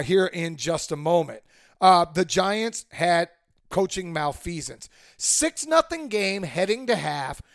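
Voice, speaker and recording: Hoarse, high-pitched male sports podcast host. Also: no room sound, clean studio sound. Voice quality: hoarse, worn voice. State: hoarse voice from a cold and yelling. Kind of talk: opinionated football commentary.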